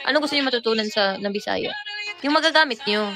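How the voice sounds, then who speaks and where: A woman's voice: a little high, fast, over loud music. A young woman in her twenties with a Cebuano accent, chatting casually and teaching everyday phrases in a playful, giggly way. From Visayas, Philippines. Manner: playful, giggly, switches languages freely. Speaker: pop group member.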